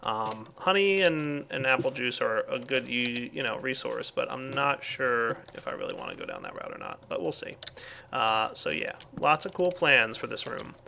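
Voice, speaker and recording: Man, very gravelly voice, bright edge, relaxed rambling game commentary. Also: mid-range voice, a little hiss or hum. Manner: relaxed, thinks aloud with many fillers. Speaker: let's play host. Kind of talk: casual gameplay commentary.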